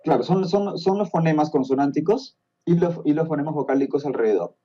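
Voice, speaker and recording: With crowd noise behind him and lo-fi sound, this Peruvian podcast guest, an authority on Tolkien's languages, talks briskly in a slightly high voice with a Peruvian Spanish accent. He walks through the subject in steps and keeps checking the listener is keeping up.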